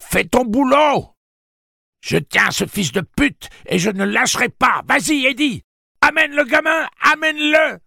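A man with a gravelly voice voicing a fierce, defiant young woman in an audiobook, pushing his voice high and shouting her lines. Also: lively intonation, measured pace, no room sound, studio quality, exaggerated voice. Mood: frantic defiant.

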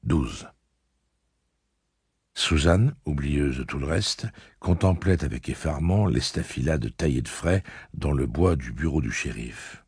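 A man reading a novel aloud as an audiobook narrator, telling the story in a measured, steady way. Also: a bass voice, husky, no room sound, studio quality.

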